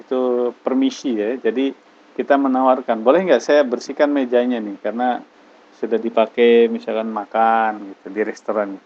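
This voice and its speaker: A man teaching an English class, explaining slowly and patiently and drawing out example phrases. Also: mid-range voice, fairly even intonation, lo-fi sound. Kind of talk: online class lesson.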